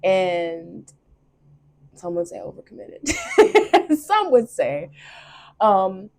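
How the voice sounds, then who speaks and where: A woman's voice: medium pitch, wildly swooping pitch, extremely slow, darkish tone. A young woman who reads tarot, talking casually and expressively and laughing often. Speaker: tarot reader. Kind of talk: casual chat.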